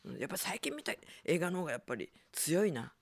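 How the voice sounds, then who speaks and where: A middle-aged woman hosts a late-night radio show, chatting with listeners in a low, relaxed natural voice. Her pitch sits fairly low but swings widely, so she sounds animated and self-deprecating, laughing easily. A slight colours her speech. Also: fast, gravelly, slightly rough. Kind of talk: casual late-night radio chat reading listener letters.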